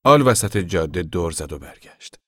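A man reading a novel aloud in a calm, even way. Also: sits low, no echo, studio quality. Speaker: narrator. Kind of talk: audiobook narration.

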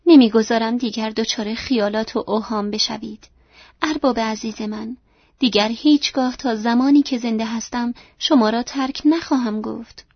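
A woman's voice: a little high, fairly even intonation, slightly rough, no room sound. Woman reading as a devoted young heroine. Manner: earnest, reassuring. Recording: dry, dull lo-fi audio.

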